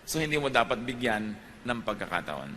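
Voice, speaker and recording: Filipino male preacher, emphatic sermon delivery, very bright tone, echoing hall. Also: medium pitch, sing-song, brisk, a little hiss or hum. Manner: switches between Tagalog and English, rising to emphatic peaks.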